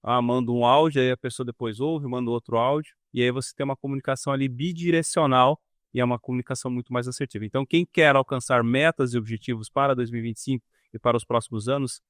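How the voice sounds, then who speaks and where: Podcast host, male, mid-pitched, guiding tone, dry close sound. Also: steady tone, fast talker, few pauses, no room sound. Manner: guiding, addresses listeners with tips. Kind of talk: casual conversational podcast.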